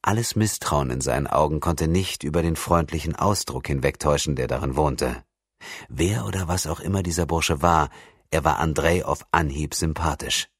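A male narrator reads a story in a very low, calm voice. His delivery is even and steady. The recording is dry and close. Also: moderate pace, husky, dry recording. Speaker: audiobook narrator. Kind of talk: scripted narration.

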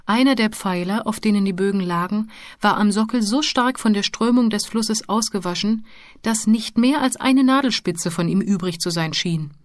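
A woman narrating a children's storybook in a calm, even manner. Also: mid-range voice, normal speed, no room sound. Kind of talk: audiobook narration. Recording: dry close studio sound.

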